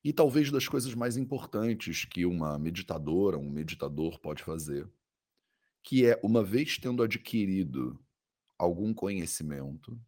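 Brazilian guy leading a meditation, really low voice, soothing and slow with pauses. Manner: calm, soothing, unhurried instruction with pauses. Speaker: meditation teacher. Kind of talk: guided meditation.

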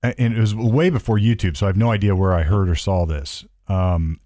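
Man, co-host, casual chat, rambling and musing, low voice, dry room. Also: steady tone, a little fast, dark tone, dry recording. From Ohio, USA. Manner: rambling, musing, self-correcting.

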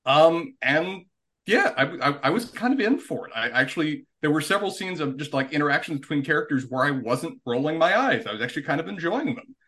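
A man's voice: fairly high pitch, big pitch swings, a little fast, a bit bright. A man co-hosting a casual podcast, talking in an analytical way with stumbling restarts. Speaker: podcast co-host.

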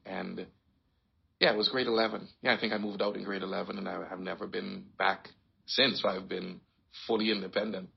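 Very low gravelly male guest voice. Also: fairly quick, lo-fi sound. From Trinidad and Tobago. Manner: relaxed, rambling storytelling with restarts. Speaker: interview guest. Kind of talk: casual conversation.

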